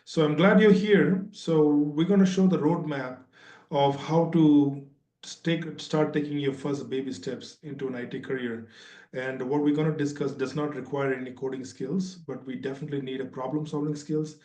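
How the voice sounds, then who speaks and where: A man's voice: fairly high pitch, fairly even intonation, moderate pace, dark tone. A man hosting an online training webinar, greeting each attendee by name in a friendly, upbeat way. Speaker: webinar host. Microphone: video call. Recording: roomy, distant, dull video-call audio.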